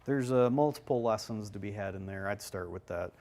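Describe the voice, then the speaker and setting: A man's voice: on the low side, fairly quick, a little mellow. A man working as a golf instructor, explaining swings in a loose, conversational way on a live analysis show.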